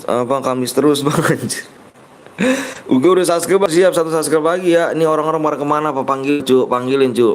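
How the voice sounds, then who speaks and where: Clear and resonant with a fairly high pitch, this Indonesian streamer chats casually in slang while playing a mobile game live, cracking jokes and reading out viewers' messages.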